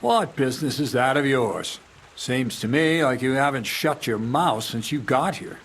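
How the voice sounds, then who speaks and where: An actor playing a blunt, coarse medieval thief who lectures on stealing, in a video game. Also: male voice, medium pitch, lively intonation, unhurried, fairly bright tone, slight background noise. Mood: irritated. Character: gruff older male medieval thief, blunt and crude.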